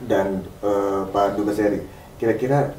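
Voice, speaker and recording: A man's voice: on the low side, steady tone, measured pace, a little mellow. A male host introducing guests and asking questions in a formal, polite manner. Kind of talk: interview hosting. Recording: roomy, distant mic, faint room noise.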